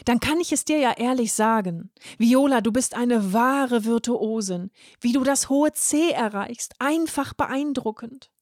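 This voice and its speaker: A small, touchy male night watchman from a storybook speaks in a pitched-up, strained voice, defending himself, as a woman reader puts him on. The sound is dry and close. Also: unhurried, hardly any pauses, darkish tone, no echo, close to an everyday voice. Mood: admiring.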